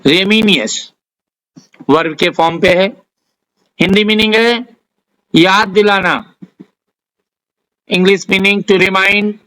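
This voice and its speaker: Indian guy teaching vocab, bright sharp voice, reads each word out slow. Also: high-pitched, steady tone, rough recording. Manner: dictates word lists slowly, spells out English example sentences. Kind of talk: slow, deliberate vocabulary lesson.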